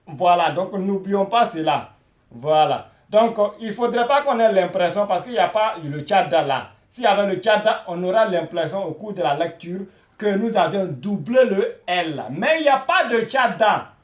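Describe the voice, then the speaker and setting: A man teaching a beginners' Arabic video lesson, repeating each word slowly and saying "voilà" and "hein" all the time. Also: high voice, animated, echoey room. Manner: slow and repetitive, repeating each word many times; says "voilà" and "hein" constantly.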